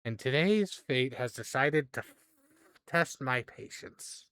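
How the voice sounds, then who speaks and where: A man's voice: mid-range voice, expressive, slow, a bit bright, clear, resonant tone, no room sound. A man voicing a weary older female fortune teller who mutters in exasperation. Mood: exasperated.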